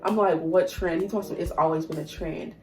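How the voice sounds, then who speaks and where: A young woman with a lower voice, making blunt, emphatic points in a casual chat. She is set back from the mic in an echoey room, with faint music playing behind her. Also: fast talker. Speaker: co-host. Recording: echoey room, heard from a distance.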